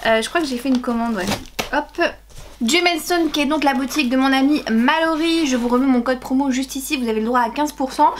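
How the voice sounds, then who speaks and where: Young woman book youtuber, a bit high voiced, chatty and rambly, gushes a lot. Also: brisk, slight background noise. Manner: gushing, exclamatory over book covers. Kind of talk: casual unboxing chat.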